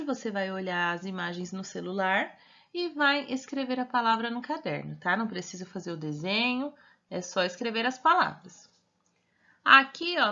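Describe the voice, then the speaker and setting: A woman teaching a remote primary school class, speaking slowly and patiently and stretching out syllables. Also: fairly high pitch, bright, forceful tone. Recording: dull lo-fi audio.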